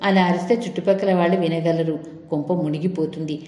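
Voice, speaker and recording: An elderly, fretful mother begging her son to calm down and coaxing him gently, as a woman narrating a storybook puts her on. Her tone is soft and mellow, set in a roomy space with a long reverb. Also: lowish voice, brisk, lightly acted. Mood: anxious pleading. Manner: anxious and pleading. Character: worried old mother pleading with her son. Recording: echoey room with long reverb.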